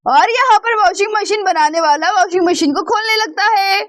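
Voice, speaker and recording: A woman narrating a doll storybook play in a chatty, lively way. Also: extremely high pitch, moderate pace, no room sound, clean studio sound.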